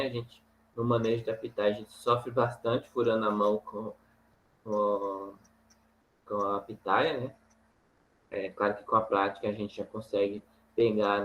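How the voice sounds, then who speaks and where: A man teaching a farming course over slides, talking in a halting way with many fillers and tag questions. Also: fairly low pitch, a bit bright, a little hiss or hum, rough recording. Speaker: agronomy instructor.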